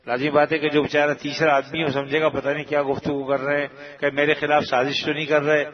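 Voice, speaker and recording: A man giving a sermon that explains scripture, chanting verses slowly before paraphrasing them. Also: fairly high pitch. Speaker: religious preacher. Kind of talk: Quranic commentary sermon. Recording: dull lo-fi recording, audience around.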